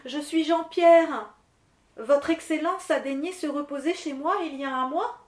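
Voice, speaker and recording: A woman reading aloud puts on a timid male miller, raising her voice higher and louder as he begs humbly. The pleading lines ring in a roomy echo. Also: measured pace. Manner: stammering, deferential.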